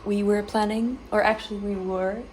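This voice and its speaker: A woman's voice: mid-range voice, flat delivery, normal speed, noisy background. A woman vlogger chatting casually and informally outdoors during a trip. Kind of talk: casual outdoor vlog chat.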